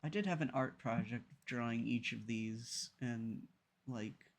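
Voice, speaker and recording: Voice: mid-range voice, measured pace. A livestreamer playing a game, reading its text aloud and chatting casually, with playful exclamations and murmured asides. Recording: game music behind the voice.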